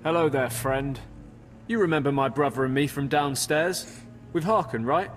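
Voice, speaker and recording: A man's voice: a little high, normal speed, soft background music, lightly acted. A man voicing a menacing thug brother. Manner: gruff, threatening. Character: menacing male thug, blunt hired killer.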